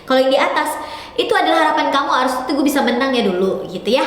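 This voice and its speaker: A woman teaching English grammar on a live stream. She talks fast, switches between Indonesian and English, and calls her viewers by pet names. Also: sits high, animated, fairly bright tone, heavy reverb, in a large hall. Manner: calls viewers "sayang" affectionately.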